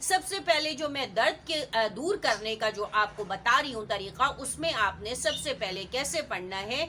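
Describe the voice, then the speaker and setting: A woman teaching a religious practice, explaining it step by step in a repetitive, directive way and reciting slowly and carefully when she demonstrates. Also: on the high side, lively intonation, background noise. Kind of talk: instructional talk on prayer practice.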